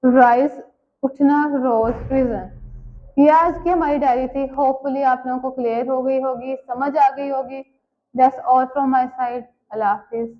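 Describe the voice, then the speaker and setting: A woman with a Pakistani accent teaching an online English class, reading English lines slowly and explaining them in Urdu. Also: high-pitched, steady tone. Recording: dull lo-fi audio.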